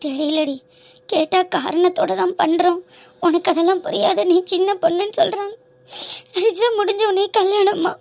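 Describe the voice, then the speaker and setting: A woman voicing a gentle young female college student in a cartoon, talking softly and pleading. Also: extremely high pitch, fairly even intonation, normal speed, vocal fry, dry recording. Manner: soft, pleading. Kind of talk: cartoon voice acting.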